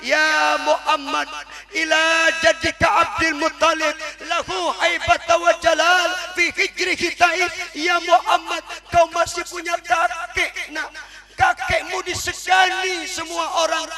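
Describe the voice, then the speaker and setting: A man's voice: extremely high pitch, flat delivery, unhurried, pitched above the performer's own voice. A male preacher voicing a caring nursemaid who urgently coaxes a grieving orphan boy to come home. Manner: urgent, calling out, coaxing. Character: caring nursemaid woman, urging and encouraging. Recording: sermon with loud music behind.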